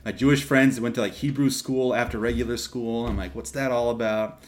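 A young man from Texas, a seminarian guest on a podcast, telling his story casually with lively restarts and asides. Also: mid-range voice. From Texas, USA. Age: young adult. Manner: animated, quick asides and restarts.

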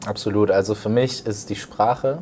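A man's voice: on the low side, fairly even intonation, moderate pace, a little mellow, a little hiss or hum. A man from Germany, a startup founder answering interview questions in an earnest, explanatory way.

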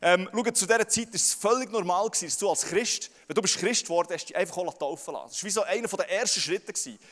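A man's voice: high-pitched, quick pace, fairly bright tone. A young man with a Swiss German accent preaching a sermon to a large crowd, often stammering and repeating words as he speaks to them directly. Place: large hall with audience. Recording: long hall reverb.

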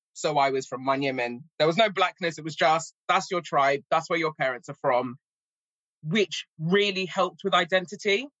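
A woman's voice: sits low, a bit bright, slightly rough, no echo, muffled recording. Woman, North London accent, forties, teacher, emphatic, dry close sound. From England. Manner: earnest, reflective, emphatic. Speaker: language teacher. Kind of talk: podcast conversation.

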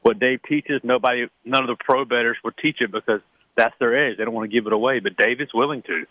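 A man's voice: mid-range voice, fairly even intonation, fast talker, dry recording. Earnest man on a tinny phone line. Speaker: guest. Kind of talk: casual radio chat.

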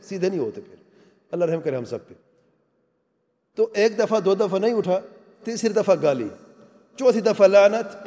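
A man's voice: high-pitched, warm tone. A man giving an earnest religious talk on family life, speaking emphatically and asking his listeners rhetorical questions. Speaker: Islamic lecturer. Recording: long reverb of a large hall.

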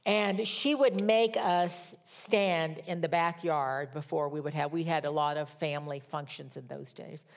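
Woman preaching with fervent, hushed swings. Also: low-pitched, steady tone, measured pace, hardly any pauses. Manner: swings from fervent, raised scripture reading to soft, hushed storytelling. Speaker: minister. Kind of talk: sermon.

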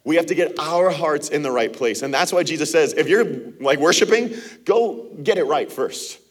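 A man in his thirties preaching from a church stage. His voice is husky and sits a little high for a man. He keeps it conversational, acting out small exchanges to make his points. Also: expressive, normal speed. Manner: conversational preaching with acted-out quotes and laughs. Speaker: pastor. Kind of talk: sermon. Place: church auditorium.

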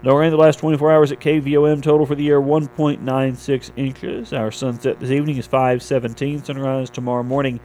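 A man's voice: mid-range voice, little pitch movement, a little fast, few pauses, dark tone, slight background noise, low-quality recording. A man anchoring a local radio newscast, reading sports scores and weather from a script in a studio.

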